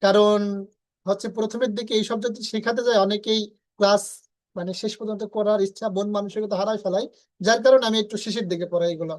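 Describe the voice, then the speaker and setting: A woman's voice: medium pitch, fairly even intonation, fast talker, low-quality recording. A woman teaching English pronunciation in an online lesson, explaining step by step and repeating letter sounds for drill.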